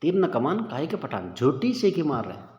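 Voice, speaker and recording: Working through exam questions out loud, a man keeps the lesson chatty and relaxed, calling everyone "bhai." He speaks at a normal speed in a fairly high, sing-song voice with a darkish tone, recorded lo-fi in a reverberant, echoey room.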